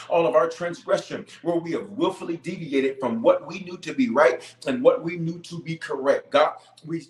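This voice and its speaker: Higher-voiced preacher man praying in an echoey room. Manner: repetitive, emphatic preaching cadence with rallying calls. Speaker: bishop leading congregational prayer. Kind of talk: fervent extemporaneous prayer. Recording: echoey, reverberant room sound.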